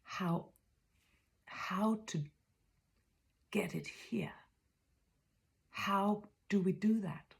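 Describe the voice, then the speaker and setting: This is a Danish woman in her fifties, medium-pitched with vocal fry and a Danish accent. In a quiet, reflective spiritual monologue she often drops to a whisper and stumbles as she looks for words.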